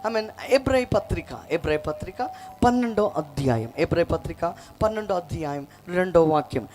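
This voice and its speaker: High-voiced preacher leading a call-and-response. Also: male voice, animated, soft background music. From Karnataka, India. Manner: urges the crowd to answer loudly, repeats verses slowly. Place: church gathering with a congregation.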